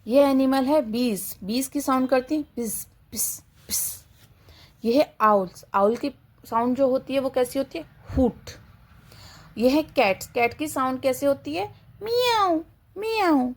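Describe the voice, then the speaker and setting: Using both Hindi and English, a woman teaches kindergarteners English at a slow, patient pace, answering her own questions and mimicking animal noises. She has a high-pitched, slightly mellow voice.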